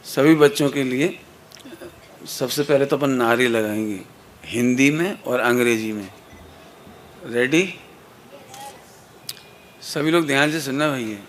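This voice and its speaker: A man's voice: mid-range voice, slow pace, long pauses, slight background noise. Playful man leading children's chants. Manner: playful, coaxing, counts out chant cues. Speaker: teacher at a children's camp. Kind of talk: leading call-and-response chants.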